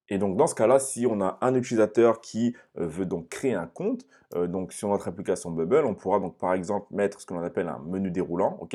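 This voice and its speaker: A young man walks through a software tutorial in a very low, husky voice. His tone is dark and mellow, and he paces his explanation step by step, frequently stopping to ask "ok?" into a close microphone. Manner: explains step by step, often checking with "ok?". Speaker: online course instructor. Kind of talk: screen-share tutorial.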